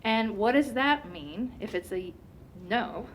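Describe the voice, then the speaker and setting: Presenting at a conference, a woman whose first language is Turkish speaks animatedly and slowly, leaning on many fillers. Her pitch runs fairly high, with slight background noise behind her.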